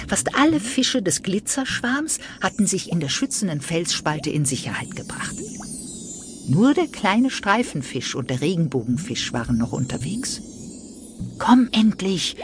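A woman narrating a children's audiobook in an expressive storytelling manner. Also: lowish voice, background noise.

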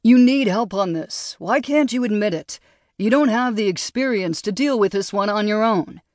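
A woman's voice: mid-range voice, moderate pace, darkish tone, dry recording, clean studio sound, pitched above the performer's own voice, lightly acted. A woman voicing a condescending young male perfumer who needles his colleague. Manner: needling, patronizing.

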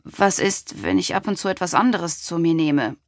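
A woman's voice: lowish voice, moderate pace, no echo, studio quality, close to an everyday voice. A woman reading the lines of a smug, self-satisfied male celebrity TV chef in an audiobook, with a drawling manner.

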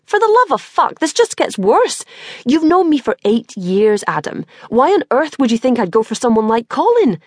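A woman's voice: fairly high pitch, very animated, moderate pace, dry recording, studio quality, pitched above the performer's own voice. A woman voicing an exasperated, blunt young mother who swears freely, in an audiobook.

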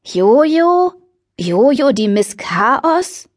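A woman's voice: medium pitch, expressive, normal speed, no room sound, close to an everyday voice. A woman reading a cool, know-it-all teenage schoolgirl in an audiobook, dry and lecturing.

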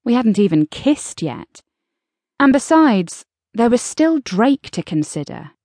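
A woman's voice: fairly high pitch, very animated, slow pace, dark tone, dry recording. A woman narrating an audiobook in the first person, with a dry, wry storytelling manner, recorded close in a studio.

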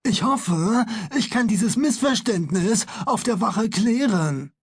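A man voicing a gentle, eccentric old male professor who speaks slowly and pleadingly in a children's audiobook. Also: high-pitched, lively intonation, husky, dry recording, pitched above the performer's own voice, full character voice. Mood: resigned.

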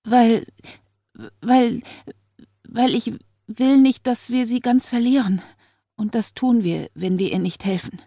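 A woman's voice: mid-range voice, normal speed, creaky, mellow, dry recording, studio quality, voice pushed up. A woman reader voicing a timid, frightened young wife who pleads anxiously. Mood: desperate.

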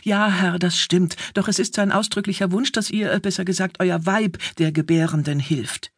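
A woman voicing a frightened young male messenger under twenty who begs anxiously in a raised, husky voice, as in an audiobook. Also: takes it slowly, no echo, studio quality, exaggerated voice. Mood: pleading, anxious. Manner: high, anxious, begging.

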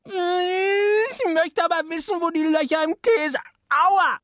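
Ein Mann spricht in einer Hörbuchlesung einen neugierigen, trotzigen kleinen Jungen, der quengelnd immer wieder nachfragt. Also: male voice, very high voice, slow pace, fairly bright tone, dry recording, clean studio sound, pitched above the performer's own voice, full character voice. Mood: whiny insistent. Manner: whiny, insistent questioning. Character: curious stubborn little boy.

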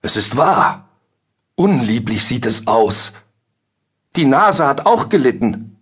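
A man's voice: medium pitch, sing-song, slow, fairly bright tone, breathy edge, voice pushed up, full character voice. A man doing a flustered, sly old judge. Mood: grumbling. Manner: blustering, evasive.

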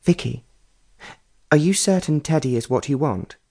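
A man's voice: on the high side, animated, normal speed, creaky, a little mellow, slightly rough, pitched above the performer's own voice, exaggerated voice. A man doing an eager, blunt young woman. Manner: eager, direct questioning.

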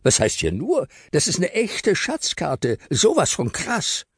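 A man's voice: fairly high pitch, wildly swooping pitch, unhurried, slightly rough, no room sound, clean studio sound, pitched above the performer's own voice, exaggerated voice. A man doing a cheeky slangy boy. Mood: excited. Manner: slangy, boisterous.

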